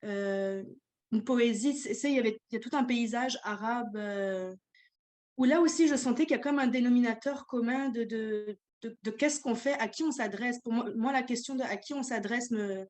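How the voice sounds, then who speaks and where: Hesitant higher-voiced woman poet. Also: moderate pace, a little mellow. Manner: hesitant, many fillers. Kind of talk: online panel discussion.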